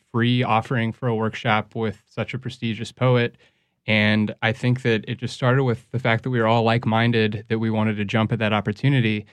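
A man's voice: on the low side, clear, resonant tone, dry recording. A man poet from Saint Louis answering interview questions in a thoughtful, fluent way.

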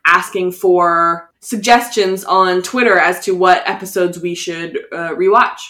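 A woman's voice: fairly low pitch, fairly even intonation, measured pace, sharp tone. A woman co-hosting a podcast in casual chat, rambling with lots of "like" as she goes. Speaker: podcast co-host. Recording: roomy echo.

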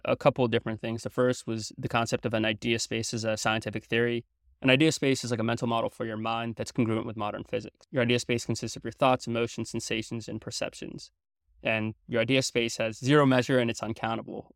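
In a dry, clean studio recording, a young man from Belgium whose native tongue is French explains things earnestly as a casual interview guest. He speaks at a medium pitch, with a relaxed manner full of fillers and restarts.

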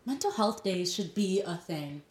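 A young woman co-hosting a casual podcast chat, playful and quick to laugh. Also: fairly low pitch, lively intonation, echoey room. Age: young adult. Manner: giggly, playful. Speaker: podcast co-host.

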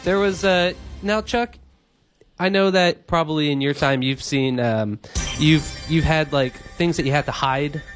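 A man's voice: a little high, unhurried, fairly bright tone, soft background music. A man co-hosting a morning radio show, telling a joking story in a rambling way with fillers. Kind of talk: casual comedic radio banter.

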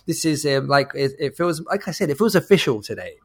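Brief: male podcast host, casual and chatty, quick to laugh, many restarts, video-call sound. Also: fairly high pitch, very animated, slightly rough.

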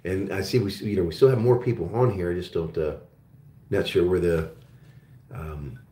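Speaking at normal speed in a low, dark-toned voice, a man from Germany raised in Oklahoma runs a live call-in show about metals and resource stocks. The talk is casual and rambling, with lots of fillers and restarts, recorded with roomy echo.

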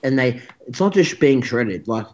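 A man's voice: medium pitch, expressive, normal speed, a little mellow. Rambling young man, lo-fi. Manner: rambling, frequent restarts and "like". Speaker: guest bodybuilder. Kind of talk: casual interview storytelling.

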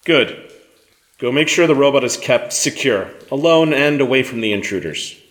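In an audio drama, a male actor voices a stern rebel commander hardened by battle. His mid-range, natural voice is a touch bright and expressive, measured and commanding, with anger simmering just beneath his control.

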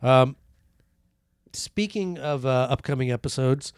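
A man's voice: medium pitch, a little slow, clear, resonant tone, dry recording. A man co-hosting a podcast in casual, rambling, jokey chat, with music under it. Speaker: podcast co-host.

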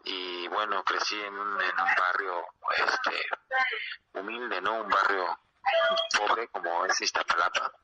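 A man's voice: low voice, steady tone, slow. A man from Mexico with a Mexico City Spanish accent, answering interview questions as a martial arts fighter, hesitant and full of fillers and repeated words. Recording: muffled lo-fi line with clear noise.

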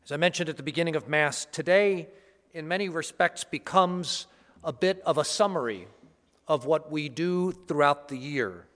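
Priest in a long cathedral echo. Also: male voice, fairly high pitch, moderate pace, a bit bright. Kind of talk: liturgical reading and homily. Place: large reverberant church during Mass.

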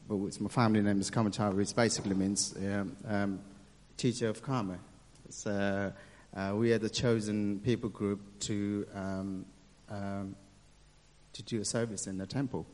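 A young man from Nepal, telling his story in a church interview, hesitant with many pauses and easy laughs. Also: on the low side, a little mellow. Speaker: interview guest. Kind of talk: casual testimony in church. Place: church hall. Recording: reverberant church hall.

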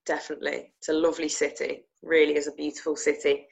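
A woman's voice: low-pitched, flat delivery, fast talker, gravelly, a little hiss or hum. A woman interviewing a guest in a casual, chatty way.

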